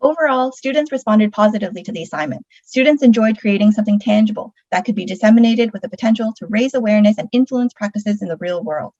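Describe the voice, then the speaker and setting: A woman's voice: medium pitch, fast talker, few pauses, a little mellow, no room sound. Woman presenting, dry muffled recording. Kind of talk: scripted presentation narration.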